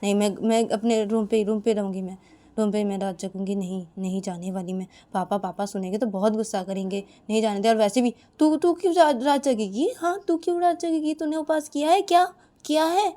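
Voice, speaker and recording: A woman's voice: medium pitch, fairly even intonation, a little fast, mellow, lightly acted. A woman voicing a tearful young woman devotee who refuses to marry, pleading and repeating herself. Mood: alarmed.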